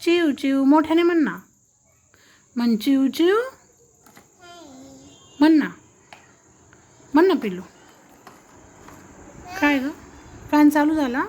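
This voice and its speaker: A woman with a high voice talks slowly and gently to a small child at home. She coaxes in baby talk and repeats every prompt over and over to get the toddler to answer. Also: animated. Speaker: family member coaxing a toddler to talk. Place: indoors at home.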